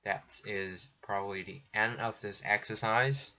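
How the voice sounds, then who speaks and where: A man with a fairly low pitch and a bright, forceful tone, his intonation fairly even, leads a recorded walkthrough of textbook exercises as an English teacher. He proceeds slowly and patiently with frequent restarts, and the sound is dull and lo-fi.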